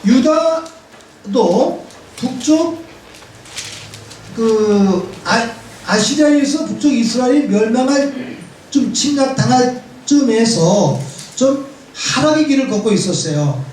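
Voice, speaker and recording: A man's voice: very high voice, slow pace, pauses often, a little hiss or hum. A man in his seventies, a priest giving a conversational Bible lecture, telling stories with wry humor in a church hall. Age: 70s. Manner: lively storytelling with wry humor. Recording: very echoey church hall from far off.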